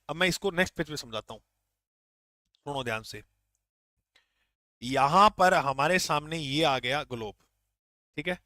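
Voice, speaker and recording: A man's voice: a little high, bright, forceful tone, dry recording, clean studio sound. A man teaching an online geography class, repeating key points and quizzing his students.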